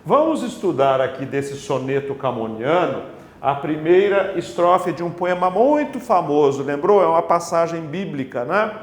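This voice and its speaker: A man teaching a poetry lesson, slowly spelling out syllables and checking in with his students. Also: on the high side, animated, reverberant. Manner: slow, deliberate, stretches out syllables when counting; asks the class for agreement with tag questions.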